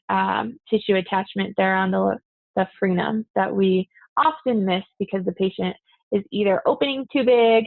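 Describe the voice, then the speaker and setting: A woman's voice: mid-range voice, no room sound. A woman instructor giving a recorded lecture to dental assisting students, practical and direct, calling them "you guys". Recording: tinny phone-like, dry.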